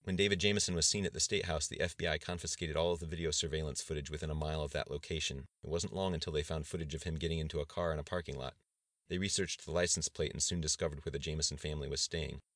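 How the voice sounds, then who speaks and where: A male audiobook narrator reads in an extremely deep, low voice at a measured pace. The sound is dry and close, with no echo at all. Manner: measured, even reading. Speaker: audiobook reader. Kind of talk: scripted narration.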